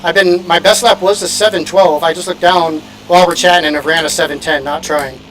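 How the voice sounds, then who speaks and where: A man from Indiana chatting quickly and casually while sim racing on stream, laughing often. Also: fairly high pitch, steady tone, fairly bright tone, slight background noise, rough recording. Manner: fast-talking, laughs often. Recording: music playing in background.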